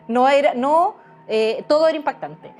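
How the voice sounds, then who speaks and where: Woman, interview guest, hesitant, fairly high pitch. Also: lively intonation, unhurried, a little mellow, soft background music. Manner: hesitant, many fillers and restarts. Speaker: guest, author. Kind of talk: conversational interview answers.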